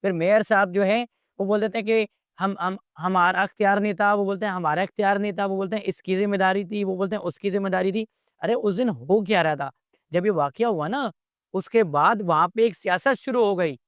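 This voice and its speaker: A man's voice: sits high, fairly quick, no echo, clean studio sound. A man, speaking as an interview guest in a heated, exasperated way and firing off rhetorical questions. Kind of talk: impassioned interview commentary.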